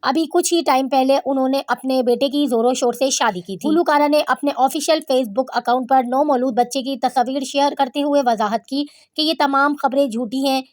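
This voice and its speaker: High-voiced woman reading showbiz news. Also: hardly any pauses, a little mellow, no echo, studio quality. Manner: critical, opinionated. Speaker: showbiz news channel host. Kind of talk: news-style voice-over with commentary.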